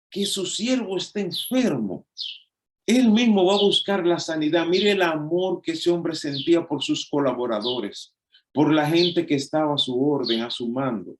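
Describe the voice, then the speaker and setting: Preaching in a reverberant space, a middle-aged Dominican-accented pastor from the Dominican Republic has a fairly high-pitched voice. His sermon is conversational, peppered with restarts and "eh" fillers.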